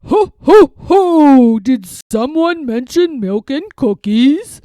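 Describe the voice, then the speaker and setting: Jolly booming old Santa Claus, hearty, loud, storybook voice, dry close sound, played by a woman. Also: animated, takes it slowly, no echo.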